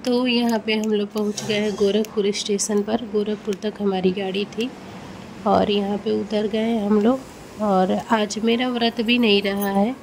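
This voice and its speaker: A woman's voice: mid-range voice, flat delivery, a little slow, noisy background. A woman, vlogging a train journey in an emotional, repetitive way. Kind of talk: casual travel vlog narration.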